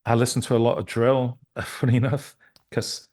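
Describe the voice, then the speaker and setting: A man's voice: mid-range voice, little pitch movement, normal speed, a little mellow. A middle-aged man, a musician and producer, talking as a guest in a casual interview, rambling with many restarts and fillers. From England.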